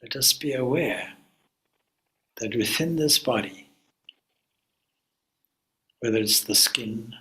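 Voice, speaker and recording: A man's mid-range voice guides a meditation in the manner of a spiritual teacher, deliberate and calm, with brief phrases and frequent pauses. It's a rough recording.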